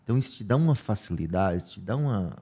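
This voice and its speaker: Deep mellow Brazilian man, chatty. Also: lively intonation, fast talker, husky. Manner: chatty, personal anecdotes. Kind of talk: casual interview talk.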